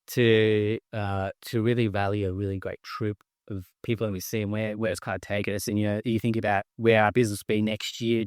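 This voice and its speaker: A man's voice: lowish voice, smooth, no room sound, studio quality. A man, co-hosting a podcast in casual, enthusiastic chat with many fillers and restarts. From Australia. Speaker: podcast host, company co-founder.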